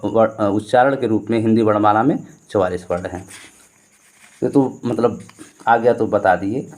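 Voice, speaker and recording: A man's voice: medium pitch, darkish tone. A man from India teaching an exam-prep grammar lesson, asking questions and answering them himself as he drills.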